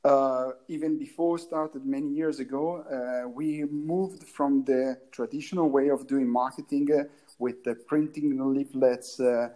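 A man's voice: mid-range voice, steady tone, measured pace, mellow. Italian-raised man hosting a casual podcast. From Italy. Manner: hesitant, searching for words, with many restarts. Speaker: podcast co-host.

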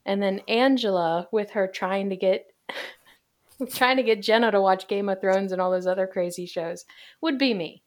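A woman's voice: medium pitch, normal speed. Chatty woman hosting from inside a closet. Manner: chatty, jokey. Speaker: podcast host. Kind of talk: casual podcast chat.

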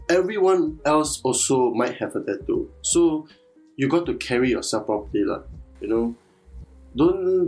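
Male podcast host, loose Singlish-style chat, medium pitch, faint music underneath. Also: darkish tone. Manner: colloquial Singlish-style English with 'lah' particles.

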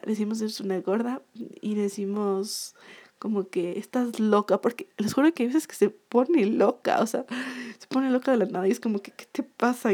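A woman's voice: medium pitch, warm tone. A young woman casually telling a story to her viewers, chatty and repetitive, with frequent fillers and restarts.

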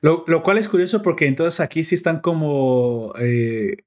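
A man's voice: fairly high pitch, moderate pace. A young man with a Mexican Spanish accent, chatting casually and joking, dropping slang in nearly every sentence. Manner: slangy, joking, says güey constantly. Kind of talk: casual chat.

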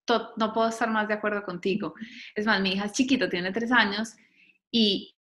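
A woman talking thoughtfully in casual conversation, with frequent fillers and lively quoting of others. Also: mid-range voice, fairly quick.

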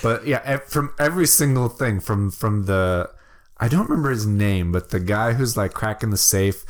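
A man's voice: on the low side, animated, moderate pace. A man co-hosting a casual movie chat, rambling and enthusiastic, laughing often. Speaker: podcast co-host.

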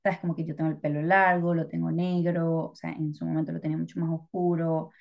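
A woman's voice: deep voice, level tone, brisk, vocal fry, lo-fi sound. A Venezuelan woman co-hosting a podcast, talking in a chatty, reflective way with lots of fillers. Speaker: podcast co-host. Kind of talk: casual podcast chat.

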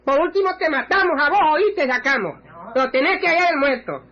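A man's voice: very high voice, lively intonation, fairly quick. An actor playing a brash middle-aged village man who curses constantly and stammers when upset, in a lo-fi radio recording. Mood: blustering. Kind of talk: radio comedy acting.

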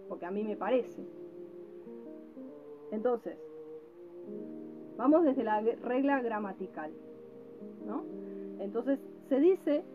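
A woman giving a reflective religious talk, slow and deliberate, often checking in with her listeners. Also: fairly high pitch. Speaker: religious teacher. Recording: tinny phone-like sound with faint music.

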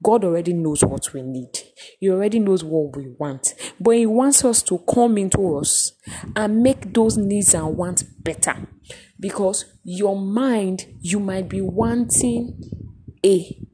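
Woman, preaching, earnest, repetitive, mellow voice. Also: mid-range voice, takes it slowly, slightly rough. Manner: earnest, repetitive, stops to restate, drops into quoted voices. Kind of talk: devotional sermon.

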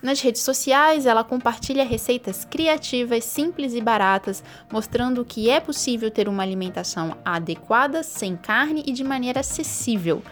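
A woman's voice: on the high side, normal speed, hardly any pauses. A woman hosting a podcast interview, talking in a friendly, fluent way with frequent tag questions. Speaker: podcast host.

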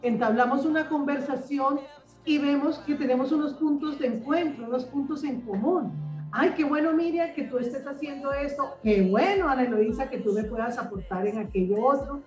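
A woman in her fifties talks with lively enthusiasm, often circling back over her words. Her voice sits high and rings with room echo, since she is heard from some distance off the mic. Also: moderate pace, faint music behind. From Colombia. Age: 50s. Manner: enthusiastic, repeats words while searching for them. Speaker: guest, communicator and author. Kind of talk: radio interview conversation.

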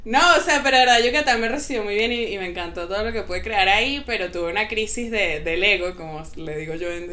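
A woman's voice: mid-range voice, bright, forceful tone. A woman, telling her story as a guest in a casual interview, chatty and candid.

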